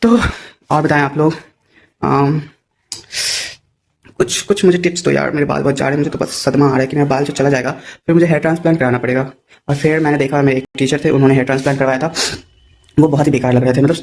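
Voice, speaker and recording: Young male vlogger, mellow voice, quick rambling delivery, playful and self-mocking, drops English words in. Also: mid-range voice, slight background noise. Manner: jokey, playful. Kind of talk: casual chat to camera.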